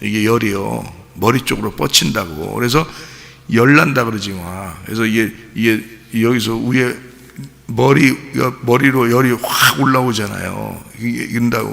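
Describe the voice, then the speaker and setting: A man's voice: mid-range voice, creaky, a bit bright, in a large hall. A male pastor preaching a sermon with emphasis, often putting questions to the congregation.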